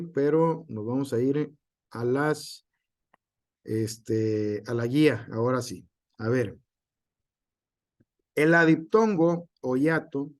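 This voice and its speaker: A male teacher lecturing to an online class at a slow, unhurried pace and a middle pitch. He sounds out example words one at a time. He fills his pauses with "este" and keeps checking in with "¿sale?". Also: a little mellow. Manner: frequent fillers and tag question.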